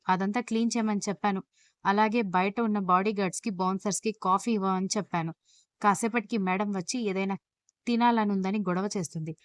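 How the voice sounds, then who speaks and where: A bossy head housekeeper from a read-aloud story, issuing brisk, commanding orders, voiced by a woman. Her pitch is ordinary and middling. The recording is dry and close. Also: no room sound, close to an everyday voice.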